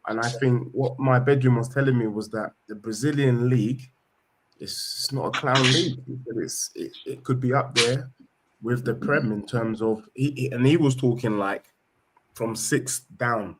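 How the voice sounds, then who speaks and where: A man's voice: medium pitch, normal speed, a little hiss or hum, rough recording. A man with an urban London accent giving casual, opinionated football chat full of slang. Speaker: football podcast panellist.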